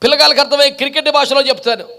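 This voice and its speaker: A male pastor preaching a passionate sermon, piling up rhetorical questions and building to shouted peaks. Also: very high voice, fairly even intonation, rapid-fire.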